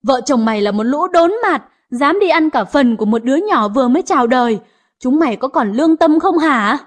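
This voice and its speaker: A woman voicing an elderly matriarch, stern and sharp-tongued, in an audio story. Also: sits high, lively intonation, normal speed. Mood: furious. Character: stern grieving elderly mother, family matriarch.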